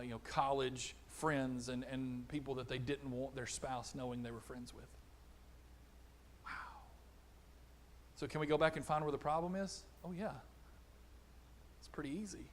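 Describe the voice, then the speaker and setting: A middle-aged man preaching a conversational sermon, animated, acting out little exchanges. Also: mid-range voice, moderate pace, slight background noise. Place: church auditorium.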